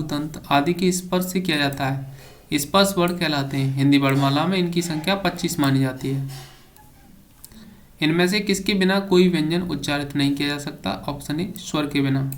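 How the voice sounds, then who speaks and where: A man's voice: fairly high pitch, fairly even intonation, moderate pace. A male teacher giving an exam prep lesson, reading each question aloud and then giving the answer with a brief explanation.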